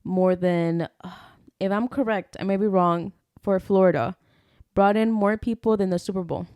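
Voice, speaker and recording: A woman's voice: medium pitch, steady tone, normal speed, mellow, smooth, no echo, studio quality. A young woman co-hosting a podcast, chatting casually and mixing Spanish into her English, with lots of "like" fillers. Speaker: podcast co-host. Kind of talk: casual chat.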